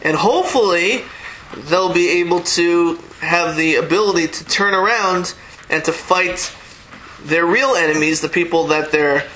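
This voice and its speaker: A man's voice: high-pitched, pushed and bright, a little hiss or hum, poor audio. A man teaching a Torah class, reading verses aloud and explaining them with frequent restarts. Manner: halting, restarts, reads Hebrew verses then translates. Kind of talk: verse-by-verse text study lesson.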